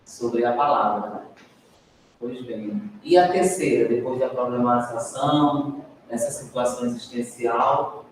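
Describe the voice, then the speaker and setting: A man's voice: medium pitch, unhurried. A Brazilian man teaches a group, asking questions and tagging his sentences. He sounds far from the mic in a roomy hall with a long echo and a faint hiss behind him. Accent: Brazilian Portuguese. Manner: adds "né?" often, prompts the group to answer. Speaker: teacher leading a training session. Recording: echoey classroom, recorded from a distance.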